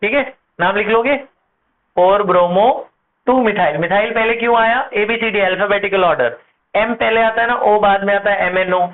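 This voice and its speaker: High-voiced chemistry teacher on tinny audio. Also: male voice, fairly even intonation. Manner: asks questions and answers them himself; slows down to spell out compound names. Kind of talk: classroom board lecture. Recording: tinny phone-like audio with faint noise.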